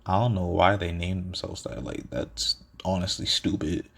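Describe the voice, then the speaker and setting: A man's voice: low voice, fairly even intonation, normal speed, creaky, fairly bright tone, husky. A man casually improvising a fan story, rambling with many fillers and restarts and chuckling at his own ideas.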